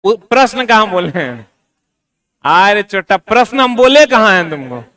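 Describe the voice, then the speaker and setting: Bright-voiced teacher teasing his class. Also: high-pitched, very animated, measured pace. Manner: teasing, scolding students in Bihari-tinged Hindi slang. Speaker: exam coaching teacher. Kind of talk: classroom lecture. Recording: voice from a distance.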